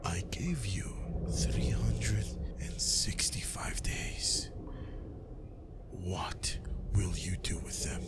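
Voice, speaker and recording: A man half-whispers as a menacing, grieving vampire lord in an improvised ASMR roleplay aimed at the listener, his low voice breathy, slow and deliberately threatening with cold menace. Loud music sits behind him, along with loud, steady background ambience.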